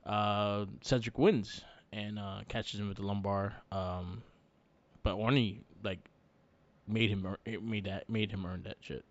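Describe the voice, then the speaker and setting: A man's voice: on the low side, measured pace. Laid-back rambling podcast guy, dull audio. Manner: relaxed, rambling, laughs often. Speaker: podcast co-host. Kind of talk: casual chat.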